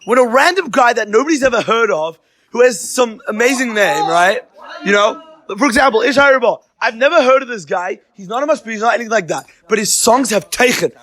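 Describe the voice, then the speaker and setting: A man's voice: very high voice, expressive, fairly quick, fairly bright tone. A young man hosting a comedic podcast, rambling through a rant with restarts and sprinkled Yiddish and Hebrew terms. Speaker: podcast host.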